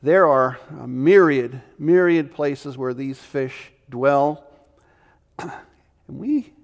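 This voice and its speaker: A man preaching a sermon as pastor, emphatic, swinging between loud urgent lines and hushed ones. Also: a little high, vocal fry, big-room sound.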